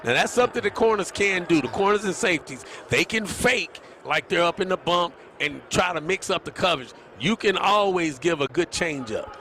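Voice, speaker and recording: A man, a former defensive back, giving animated, explanatory color commentary on a live football game from a stadium booth. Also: sits high, normal speed, few pauses, a little hiss or hum. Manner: animated, explaining, laughs easily.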